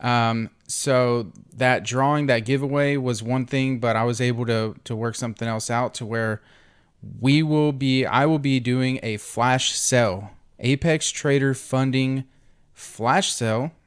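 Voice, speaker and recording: Man, mid-pitched, clear smooth tone, casual group host, unscripted giveaway and sale announcement, informal halting phrasing. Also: steady tone. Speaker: host of an online trading group.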